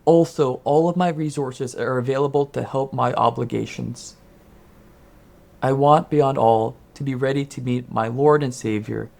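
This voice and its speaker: A man voicing a contrite, formal middle-aged businessman who reads out a solemn apology letter, slowly and gravely. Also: medium pitch, a little mellow, lightly acted. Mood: solemn, remorseful.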